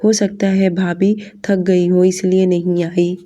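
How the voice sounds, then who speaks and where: A caring young man soothes his older brother and frets over a family secret, read by a woman narrator. His tone is gentle and reassuring, with a mellow, unhurried voice. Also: fairly low pitch, little pitch movement. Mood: concerned.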